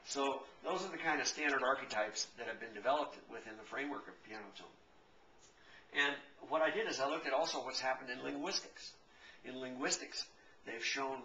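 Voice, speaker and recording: Middle-aged man, piano technician, rambling self-correcting explainer; bright tone, recorded from afar with light ambience. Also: mid-range voice, slight background noise. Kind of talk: casual explanation. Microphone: camcorder. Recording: echoey room, camcorder from a distance.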